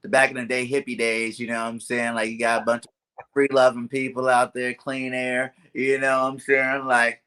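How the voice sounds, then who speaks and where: A man from California hosts a casual sports talk podcast, his voice bright and forward. He talks in a loose, rambling way, filling gaps with "you know what I'm saying." He sounds relaxed and friendly on a video call. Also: medium pitch, normal speed, clean tone. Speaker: podcast host.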